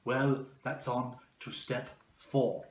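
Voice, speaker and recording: A man's voice: mid-range voice, little pitch movement, slow pace. A man presenting a children's craft demonstration, explaining it step by step. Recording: echoey room with music.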